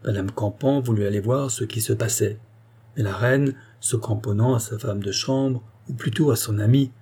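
Mellow, husky male audiobook narrator. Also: lowish voice, normal speed. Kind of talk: scripted narration of a classic novel.

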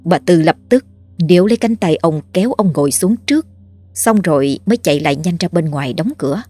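A woman narrating a horror story in a measured, dramatic way. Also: lowish voice, lively intonation, warm tone. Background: faint music.

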